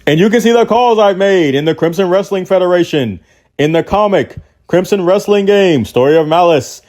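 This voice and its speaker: A wrestling ring announcer, played by a man, reads a promo voice-over with a high, lifted pitch. His delivery is that of a hype announcer. The tag repeats like a recorded spot. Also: animated, normal speed, a little mellow. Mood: promotional.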